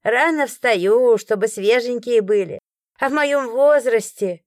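A woman's voice: a little high, a little slow, dry recording, clean studio sound, close to an everyday voice. A woman voicing a fussy old landlady, fawning and sugary with guests and grumbling otherwise, in an audiobook. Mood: sugary fussing. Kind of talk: audiobook character voice.

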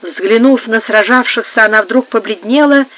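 A woman narrating a historical novel in a measured, even storytelling manner. The sound is dry and narrow, like a phone line. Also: fairly high pitch, dry recording. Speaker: audiobook narrator.

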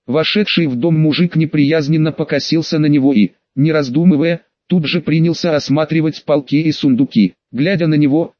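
A man narrating an audiobook in an even, measured reading. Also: fairly high pitch, no room sound, dull audio. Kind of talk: scripted narration.

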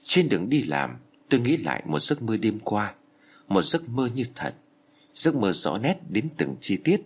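A man's voice: fairly low pitch, very animated, unhurried, gravelly, slightly rough. A man narrating a first-person horror story in a dramatic, tense way.

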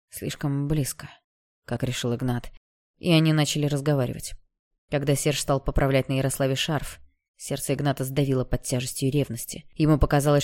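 An audiobook narrator giving a steady, expressive reading of a novel. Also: mid-range voice.

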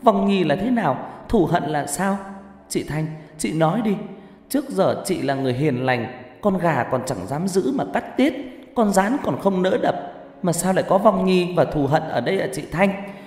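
A man's voice: high-pitched, lively intonation, moderate pace, darkish tone, pitched above the performer's own voice. A man voicing a younger woman who sobs and pleads urgently with her friend. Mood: sobbing. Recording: echoey reverberant room, faint music.

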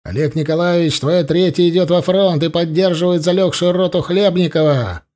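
A man voicing a young male army officer who shouts orders to his soldiers in battle. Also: fairly high pitch, animated, moderate pace. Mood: shouting orders.

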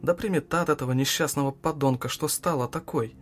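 A man voicing a defiant, unhinged young woman who mocks and shouts with hatred. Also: brisk, faint music behind, lightly acted. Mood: fierce. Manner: mocking, shrill, shouting at times.

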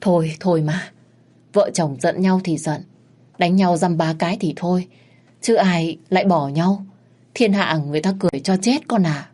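A woman voicing an anxious mother-in-law who coaxes in a softened tone. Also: lowish voice, moderate pace, natural voice. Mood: coaxing. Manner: soothing, coaxing.

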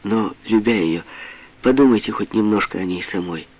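A man voicing a proud, passionate young woman who speaks softly, quietly and firmly, on a dull lo-fi audiobook recording. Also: fairly low pitch, moderate pace, lightly acted. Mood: tender.

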